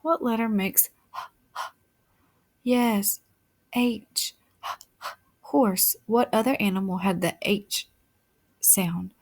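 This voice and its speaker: A woman's voice: medium pitch, drawn-out words, long pauses. A woman teacher giving a phonics lesson to young children as if reading to a toddler, with simple patient questions, repeated words, sounded-out letters and encouragement. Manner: encouraging praise. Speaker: early-years teacher.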